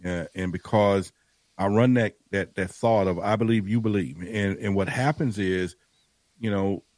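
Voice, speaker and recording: Talkative deep-voiced man in his fifties. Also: a little slow, a little mellow, no echo. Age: 50s. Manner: rambling, talkative, self-deprecating. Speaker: podcast guest. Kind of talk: casual podcast chat.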